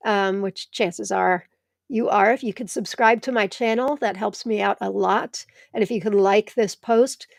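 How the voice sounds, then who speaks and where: A middle-aged American woman hosts a live tomato show from her home, chatting and reading viewers' comments aloud as she answers them by name. Her mid-range voice has a gravelly texture, recorded in studio quality with no echo.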